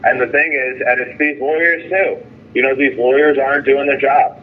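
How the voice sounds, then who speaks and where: Over a tinny, noisy line from jail, a male caller complains about his confinement and legal case. His mid-range voice keeps fairly even intonation at a moderate pace while he repeats himself in a frustrated, emphatic manner.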